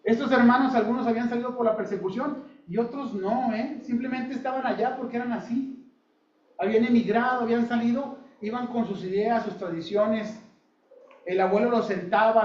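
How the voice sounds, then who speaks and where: High-voiced man teaching the Bible. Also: fairly even intonation, moderate pace. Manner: folksy, uses homely examples and asks the group questions. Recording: echoey room, distant dull mic.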